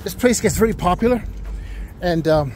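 A middle-aged vlogger gives a casual walking tour of a waterfront park, narrating and chatting with people he passes. His voice is high, expressive and a little mellow, at a moderate pace. He films with a handheld camera while walking, and faint wind and outdoor ambience come through.

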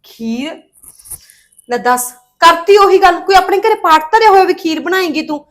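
A woman's voice: extremely high pitch, expressive, moderate pace. An actress playing a spoiled young married woman who scolds her sister-in-law and finds fault with everything. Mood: scolding. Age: young adult. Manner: scolding, sulky, fault-finding. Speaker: actress in a village family drama.

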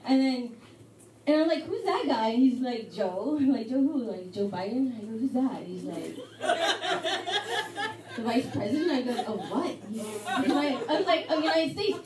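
A young woman from Mexico doing a live stand-up set in a pub, with a halting, rambling delivery full of fillers. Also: a little high, lively intonation, far from the mic. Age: young adult. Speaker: stand-up comedian. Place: hotel pub comedy night. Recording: echoey live room miked from afar with loud crowd. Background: audience chatter and laughter.

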